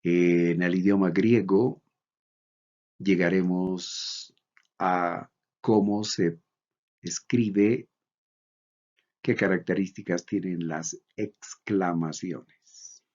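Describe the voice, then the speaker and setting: A man from Bolivia giving a recorded lecture, reading out examples slowly and deliberately. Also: deep voice, steady tone, darkish tone. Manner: slow, deliberate, reads out examples. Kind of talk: recorded lecture on Greek accents. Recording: dull lo-fi recording.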